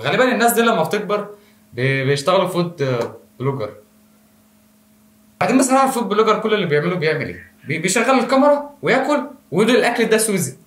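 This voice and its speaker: Fast-talking Egyptian comic. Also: male voice, fairly high pitch, a bit bright. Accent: Egyptian Arabic. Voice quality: jokey, self-mocking asides. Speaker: comedy show host. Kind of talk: comic monologue to camera. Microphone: phone camera. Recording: roomy echo.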